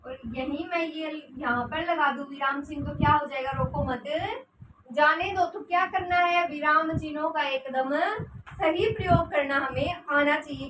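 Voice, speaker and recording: A woman teaching a grammar lesson who asks rhetorical questions, answers them herself and dictates notes for her students to write down. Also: high-pitched. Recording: roomy echo, distant mic, noisy.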